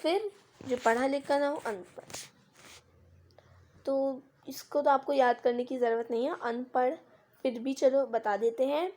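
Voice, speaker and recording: A woman's voice: high voice, measured pace, pauses often, darkish tone. A woman teaching Hindi grammar in a screen-recorded lesson, patiently explaining with simple examples and quiz questions. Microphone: device mic of a screen recording.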